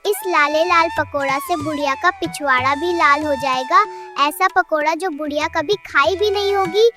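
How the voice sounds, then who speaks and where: A woman's voice: sits high, normal speed, lightly acted. A woman voicing a cheeky, scheming young daughter-in-law in a cartoon, with children's music behind her. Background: children's background music.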